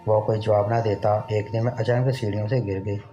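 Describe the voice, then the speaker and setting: A man narrating an emotional first-person story in an earnest, steady reading voice. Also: on the low side, brisk, faint music behind. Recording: dull lo-fi recording.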